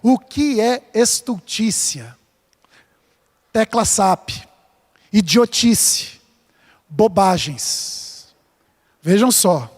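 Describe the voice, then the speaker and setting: A man's voice: high voice, lively intonation, very slow, pauses often. A man from São Paulo state preaching a sermon as a pastor, earnest and emphatic, mixing scripture with a light-hearted personal story. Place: church sanctuary. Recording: long reverb of a large church hall.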